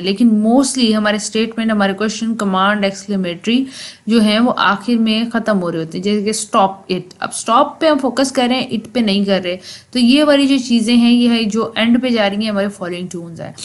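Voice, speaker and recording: A woman's voice: mid-range voice, fairly quick. A young woman, teaching a lesson and explaining step by step with spoken examples. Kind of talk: lecture.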